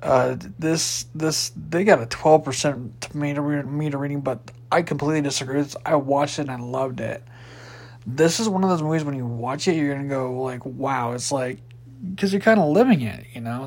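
A man's voice: a little high, moderate pace, a little mellow. A man hosting a casual solo podcast, chatty and rambling as he runs through new movie releases. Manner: chatty, rambling, with fillers and restarts. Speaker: podcast host.

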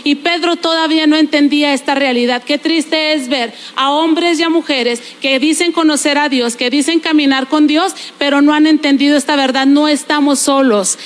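High-voiced woman preaching a lively sermon. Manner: animated, humorous asides, slows to spell out Greek words. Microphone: recorded during a church service.

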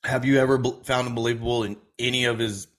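A man co-hosting a loose sports podcast, blunt and profane. He delivers crude jokes in a flat, matter-of-fact way. His voice sits at an ordinary middle pitch for a man. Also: fast. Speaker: podcast co-host.

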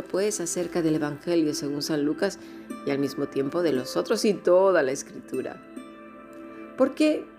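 Woman Bible teacher, explanatory and questioning, low-ish voice; music bed clearly audible. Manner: explanatory, asks rhetorical questions. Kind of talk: online Bible class.

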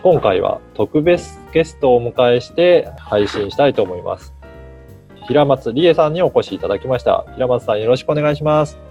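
A man hosting a podcast interview, asking questions briskly and nodding along with short replies. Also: medium pitch, expressive, a little mellow. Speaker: podcast host. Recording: dull lo-fi sound with faint music.

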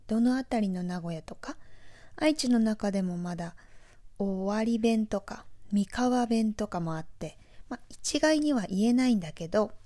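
A woman from Aichi with a Nagoya accent, hosting a podcast in a chatty, relaxed monologue with friendly asides. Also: mid-range voice. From Aichi, Japan. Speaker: podcast host.

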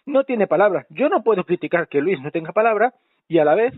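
A man's voice: high-pitched, expressive, a little fast. A man playing a rambling, self-important, self-pitying fake doctor on a prank phone call, heard over a tinny phone line.

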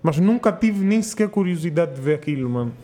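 Young male co-host, slightly high voice, informal slangy podcast talk. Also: expressive, a little fast, warm tone. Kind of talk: casual slangy chat among friends.

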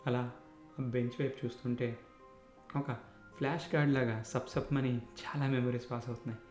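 Male narrator, thirties, reflective first-person storytelling; roomy echo, soft music underneath. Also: mid-range voice, level tone, moderate pace. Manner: reflective, conversational.

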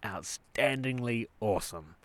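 Clear-voiced New man, matey banter. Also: mid-range voice, animated, unhurried, no room sound. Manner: jokey, matey, mildly sweary banter. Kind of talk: casual anecdotal chat.

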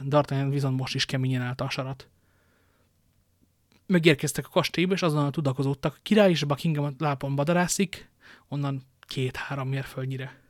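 Steady male audiobook reader. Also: mid-range voice, dry recording, studio quality. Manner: steady narration with occasional slips and self-corrections. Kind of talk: reading a novel aloud.

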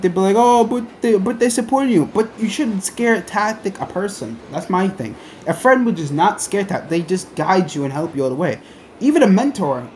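A young adult rambling through a casual podcast-style rant in a halting, repetitive, emphatic way. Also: medium pitch. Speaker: podcaster, online content creator. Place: on board a train. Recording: noisy train ambience behind the voice. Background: train noise.

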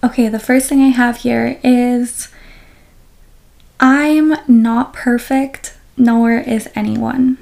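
A young woman hosting a podcast, talking openly and reflectively about her own experience, with soft laughs and restarts. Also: on the high side, fairly even intonation, slow pace, vocal fry. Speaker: podcast host. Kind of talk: candid personal podcast talk.

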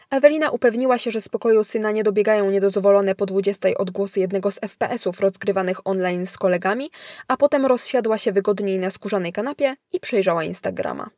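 A woman narrating a thriller with a steady, measured delivery at a middle pitch. The recording is close-miked and completely dry. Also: dry recording. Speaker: audiobook narrator. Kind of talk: scripted narration of a thriller story.

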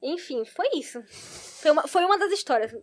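A woman tells a wild personal story in a casual chat. Her voice sits high and she talks quickly. She acts out the lines of the people she describes. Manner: animated, acts out quoted lines.

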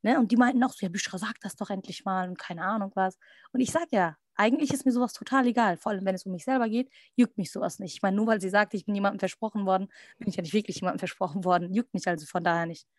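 A young adult woman, a podcast guest, tells a personal story in casual talk, acting out what others said in quick asides. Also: mid-range voice, no room sound, clean studio sound. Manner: lively, quotes others in little acted asides.

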